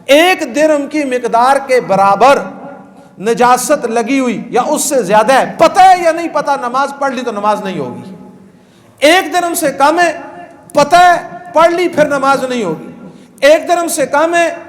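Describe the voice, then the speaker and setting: A man from Pakistan with a very high voice, preaching a lesson on prayer to his congregation. He keeps checking whether his listeners follow. He stretches some words out into slow, chanted demonstrations. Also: lively intonation. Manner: asks listeners questions and answers them. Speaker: mosque preacher.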